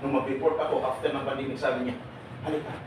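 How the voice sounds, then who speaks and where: Speaking very fast with little pitch movement in a medium voice, a middle-aged man gives a lively seminar lecture, asking the audience questions and cracking jokes with frequent laughter. The sound is distant, echoey and noisy.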